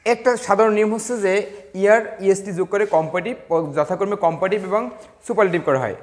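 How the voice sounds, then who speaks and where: A man with a rather high-pitched voice gives a classroom grammar lesson. He talks slowly and deliberately, with small hesitations, and spells words out letter by letter for his students. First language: Bengali. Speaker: English teacher.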